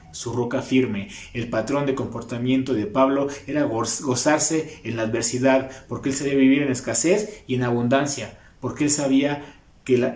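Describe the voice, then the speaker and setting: A man with a Mexican Spanish accent preaching a sermon as a youth pastor, impassioned, reading scripture slowly. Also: mid-range voice, a little mellow. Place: church hall. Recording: echoey church hall.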